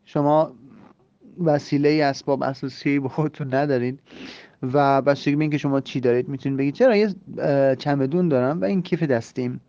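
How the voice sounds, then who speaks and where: A man hosting a podcast English lesson, explaining and repeating phrases slowly so listeners can drill them. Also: medium pitch, steady tone, warm tone, no echo. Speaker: English teacher and podcast host. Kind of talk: language lesson. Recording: slightly dull lo-fi recording.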